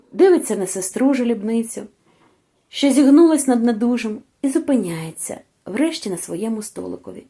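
Audiobook narrator: woman, slightly high, mellow tone, emotional and expressive storytelling. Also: slightly rough. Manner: emotional, rising and falling with the story. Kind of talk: expressive literary story reading.

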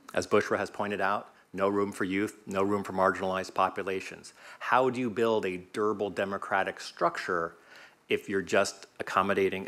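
A man in his fifties giving measured remarks as a panelist at a conference table microphone in a meeting room. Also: deep voice, a bit bright. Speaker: panelist and legal advisor.

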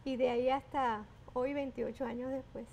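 A woman's voice: high voice, fairly even intonation, moderate pace, a little mellow. A Puerto Rican woman in her fifties with an accent blended with Panamanian, talking expressively and effusively as an interview guest. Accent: Puerto Rican Spanish blended with Panamanian. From Puerto Rico. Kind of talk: casual interview talk.

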